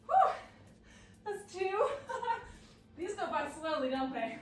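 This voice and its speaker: A high-pitched woman coaches a workout while exercising alongside. She sounds winded and encouraging. The recording is roomy, and she sits back from the mic. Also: big pitch swings, unhurried, distant mic. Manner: encouraging, breathless between exercises. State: out of breath. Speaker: fitness coach. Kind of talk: workout instruction.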